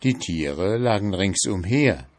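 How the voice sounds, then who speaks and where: A man reads a classic fairy tale aloud in a measured, storytelling voice. His pitch sits low and he takes his time, letting each phrase land. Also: animated, darkish tone. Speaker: audiobook narrator. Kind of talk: scripted fairy tale narration.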